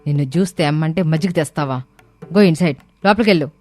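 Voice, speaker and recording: A woman voicing a stern, modern mother-in-law in a cartoon, sharp and scolding. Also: low voice, a little fast, soft background music, natural voice.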